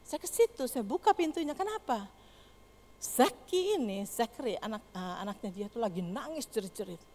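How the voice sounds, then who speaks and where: An older woman preaching a sermon, telling a story with animated, acted-out voices. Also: on the high side, moderate pace. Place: church hall. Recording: long hall reverb.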